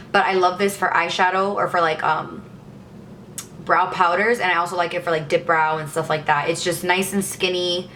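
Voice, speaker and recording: A woman's voice: fairly low pitch, sharp tone, a little hiss or hum. A young woman chatting enthusiastically as a beauty vlogger, showing her makeup brushes. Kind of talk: casual makeup tutorial.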